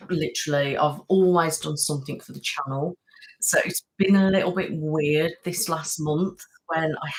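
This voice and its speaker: A young woman with a low-pitched voice, on a rough recording, hosts a casual live-stream chat for her ASMR channel. Chatty and prone to "um" and "literally," she thanks and greets viewers by name and talks about being tired after moving house.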